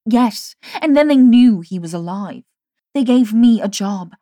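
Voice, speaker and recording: A cold, smug young woman bent on revenge, voiced by a woman narrator, her words sharp and scornful. She spits resentment in a dry, close audiobook voice. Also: fairly low pitch, steady tone, unhurried, no room sound. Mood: furious. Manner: scornful, cutting.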